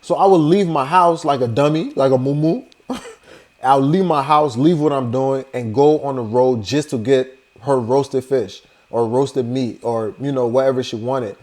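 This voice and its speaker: A man's voice: mid-range voice, moderate pace, a little mellow. Young man, casual vlog storyteller, easygoing conversational delivery. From Liberia. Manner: laid-back and conversational, heavy on "you know" and "like". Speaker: vlogger.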